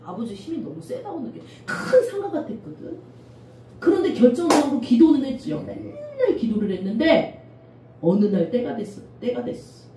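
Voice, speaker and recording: A middle-aged woman pastor preaching a sermon, animated and often acting out the voices of the people in her stories. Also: high voice, normal speed. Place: church sanctuary. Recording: echoey church room from a distance, faint noise.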